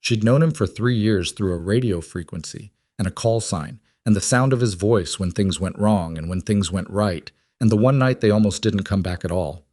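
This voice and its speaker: A man narrating a dramatic story in a measured, scripted reading. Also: lowish voice, darkish tone, no room sound, clean studio sound.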